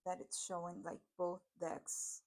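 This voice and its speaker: A woman's voice: fairly low pitch, completely flat delivery, unhurried, darkish tone. A woman whose first language is Spanish, reviewing tarot decks in a casual chat, with fillers and self-corrections. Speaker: tarot vlogger.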